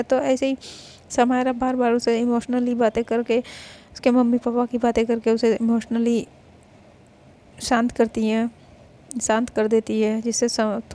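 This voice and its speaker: Gravelly-voiced woman telling a story. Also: on the high side, warm tone. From India. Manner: improvised retelling, mixing English words into her speech. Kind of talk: casual spoken story narration.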